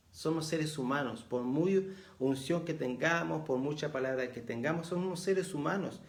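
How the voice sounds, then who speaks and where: A middle-aged man with a Chilean accent, preaching a reflective sermon and rising in emphasis as he reads verses aloud. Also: a little high. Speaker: pastor.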